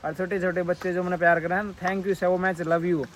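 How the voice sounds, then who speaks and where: A man's voice: high voice, level tone, normal speed, a little hiss or hum. A young man with a Haryanvi accent, chatting casually to viewers and family at home in a vlog. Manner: chatty, storytelling, addresses viewers as brother. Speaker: vlogger.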